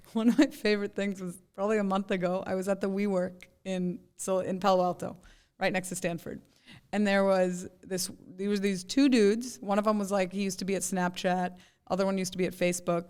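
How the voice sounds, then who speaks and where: A woman's voice: medium pitch, flat delivery, normal speed, a little mellow, clear, resonant tone. Chatty woman entrepreneur telling stories. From Jordan, raised in New York. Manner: chatty storyteller, says "like" and "right?". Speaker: guest entrepreneur. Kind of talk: casual conversation.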